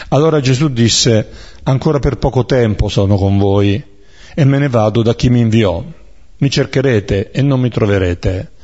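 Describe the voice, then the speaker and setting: A man leading a Bible study, reading scripture aloud and explaining it in a measured way, pausing often to search for words. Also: medium pitch, a little mellow. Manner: measured, searching for words with many fillers and restarts. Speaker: Bible teacher. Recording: dull, lo-fi recording.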